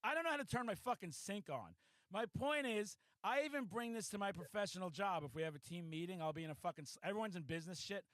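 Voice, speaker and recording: A man in his forties hosting a podcast in a hyper, loud, profanity-laced ranting manner. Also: high-pitched, expressive, fast, no room sound. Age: 40s. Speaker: podcast host. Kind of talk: casual podcast chat.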